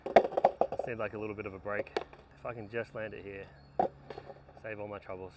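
Between skateboard tries in harsh sunlight, a man in his thirties mutters self-coaching remarks, exhausted, while a camera films from afar. His low voice moves little in pitch and runs fairly quick, and the recording is very noisy.

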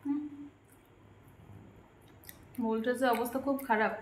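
A woman's voice: fairly high pitch, steady tone, measured pace. A young woman chatting casually in a home vlog from her kitchen, complaining about the heat. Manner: speaks softly so her sleeping child won't wake. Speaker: vlogger. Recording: echoey room with faint background noise.

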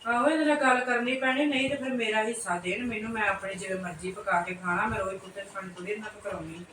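A woman's voice: mid-range voice, fairly even intonation, fairly bright tone, lightly acted. A woman playing a nagging older mother-in-law in a comic family skit, with a Punjabi accent, who grumbles and scolds. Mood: complaining. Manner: grumbling, complaining, quick to scold. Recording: roomy, distant, noisy home recording.

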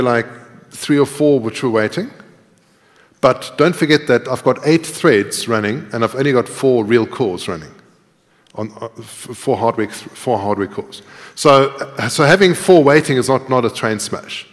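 A middle-aged man gives a live coding lecture as a conference speaker, explaining and thinking aloud while he types. His voice is medium-pitched with lively intonation at normal speed. He's in a large tiered lecture hall, and the recording is echoey with long reverb.

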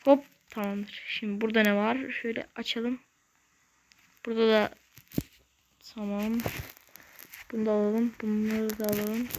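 A woman hosting a gaming channel, giving casual let's-play commentary in short, excitable bursts with slangy exclamations and mild curses. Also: a little high, slight background noise. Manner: talks to self while playing, short bursts.

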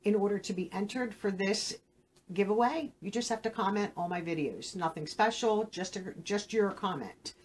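A woman's voice: medium pitch, normal speed. A woman hosting a beauty unboxing channel, talking straight to camera in a casual, rambling and frank way. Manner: chatty, rambling, frank with viewers. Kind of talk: casual direct-to-camera chat.

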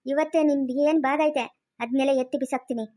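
A high-voiced performer plays a stern elder brother in a homemade village drama. He hurls curses and bans his brother from the house. The voice sits very high for a man. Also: fairly even intonation, quick pace, natural voice. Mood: enraged. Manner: shouting curses and threats.

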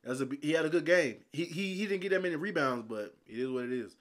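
Excitable young man reacting to basketball. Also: on the high side, fast talker. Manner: excitable, profane, talks straight to viewers. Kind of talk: casual reaction commentary.

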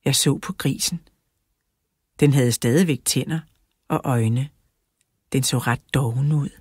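A woman narrating a children's audiobook in a steady storytelling manner, close to the mic. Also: extremely low pitch, slightly rough, dry recording.

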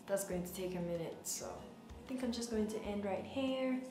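In echoey rooms at home with music underneath, a talkative, affectionate Ghanaian vlogger in her twenties chats casually to camera. She speaks at medium pitch and a moderate pace.

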